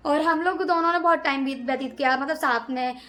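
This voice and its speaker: A woman's voice: high-pitched, a little fast, a bit bright. A young woman, chatting casually to her viewers in a vlog. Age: young adult. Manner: talks to viewers directly, chatty and emotional. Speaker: vlogger. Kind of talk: casual chat to camera.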